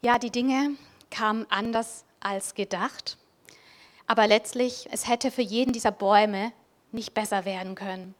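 Soft-spoken woman preacher, reflective. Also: medium pitch, fairly even intonation, measured pace. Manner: reflective, addresses listener directly, drops to soft near-whisper. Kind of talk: Christmas devotional talk.

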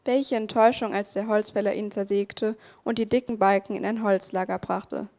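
A woman narrating a storybook with a calm, steady voice. She reads expressively, slowing down at key turns of the story. Her pitch sits in an ordinary middle range. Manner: calm, expressive read-aloud. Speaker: story reader.

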